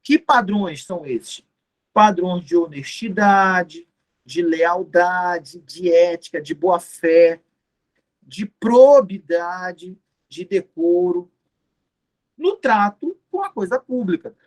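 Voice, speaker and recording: A man's voice: high voice, expressive, slow. A man giving an exam-prep law lecture, explaining step by step, repeating key terms and answering his own questions. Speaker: law teacher.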